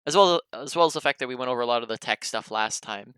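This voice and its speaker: Bright, clear-voiced male game coach. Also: medium pitch, quick pace, dry recording. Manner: explains patiently, often checks in with "right?". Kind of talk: casual one-on-one coaching.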